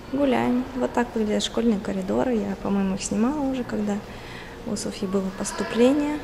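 A woman vlogger from Kazakhstan walks through a large school, its rooms and corridors and partly outdoors, chatting casually to viewers with small laughs and filler sounds. Her voice is a little high at a moderate pace, recorded off screen on a handheld camera with clear background noise.

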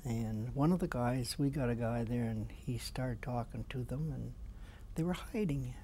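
An old Canadian veteran remembers his service in a dark, mellow voice of medium pitch. He speaks plainly and haltingly, as a man in his seventies looking back. There is faint noise in the room. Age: 70s. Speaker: war veteran being interviewed. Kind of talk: veteran's reminiscence in an interview. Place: small indoor room with flags. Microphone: lapel mic.

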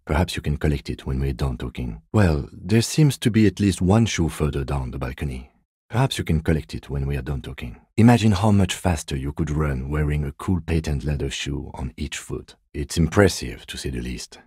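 This video game police detective, middle-aged and reserved, is voiced by an actor in a heavily acted, expressive way, his tone husky, extremely deep and soft-edged. The recording is dry and close-miked. His formal, measured speech reflects calm, principled restraint.

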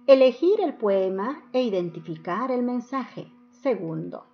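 A woman narrating an instructional lesson as a teacher, enunciating didactically and stressing each point. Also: medium pitch. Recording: dull lo-fi voice-over.

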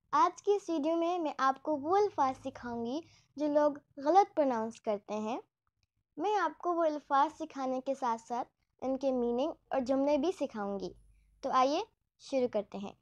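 Slow, high-voiced woman teaching English words. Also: lo-fi sound. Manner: repeats each word slowly and deliberately. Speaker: channel host teaching English pronunciation. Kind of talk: slow, careful vocabulary lesson.

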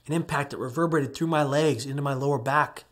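A man's voice: medium pitch, fast talker, fairly bright tone. A man giving an earnest personal testimony talk, moving between near-whispered passages and strong emphatic rises. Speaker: speaker telling his survival story.

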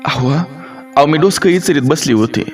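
Defiant young village daughter-in-law, man putting her on, shrill, loud, scolding, faint music. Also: expressive, normal speed, lightly acted. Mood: tearful complaining.

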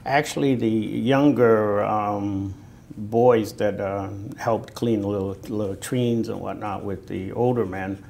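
A Vietnam War veteran in his sixties from Natick, Massachusetts, recalls his army service in a halting, conversational oral history interview, speaking with a Boston accent. His voice is lowish, steady and a little mellow, with vocal fry. He is seated on camera in an indoor room, wearing a lapel mic, with noticeable background noise.

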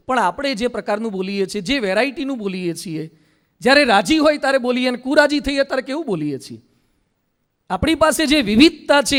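In a very high voice, a monk preaches through lively stories, now and then mimicking everyday folk to illustrate what he means. Scripture passages come out slower and more chant-like than the rest.

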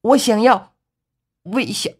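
A man voicing a shy, emotionless young woman who calls out slowly and hesitantly. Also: extremely high pitch, breathy edge, pitched above the performer's own voice, full character voice. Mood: straining. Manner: slow, hesitant shouting.

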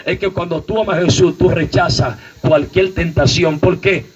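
A man preaching a fiery outdoor sermon, exhorting the crowd and breaking into sudden shouts. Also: on the high side, fairly even intonation, moderate pace, slightly rough, lo-fi sound. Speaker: evangelist preacher. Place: outdoor night vigil.

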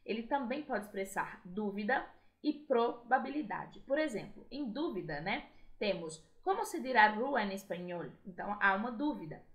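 A woman's voice: medium pitch, animated, moderate pace. A woman, teaching a recorded school lesson and checking with "né?" and "tá?". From Brazil. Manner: explanatory, frequent "né?" and "tá?" checks. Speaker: Spanish teacher. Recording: echoey room.

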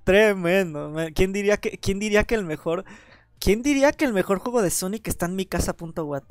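A man with a Mexican accent chatting excitedly on a gaming livestream while he has a cold, often stammering over repeated words. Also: high-pitched, a little fast, clear, resonant tone, no room sound. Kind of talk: casual gaming livestream chat.

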